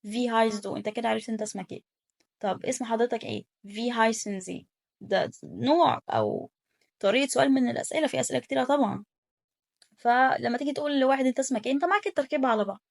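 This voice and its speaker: Fast-talking Egyptian woman with gravelly fry. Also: on the high side, dry recording, clean studio sound. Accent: Egyptian Arabic. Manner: rapid, repetitive coaching, drills pronunciation aloud. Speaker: German teacher. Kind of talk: casual online language lesson.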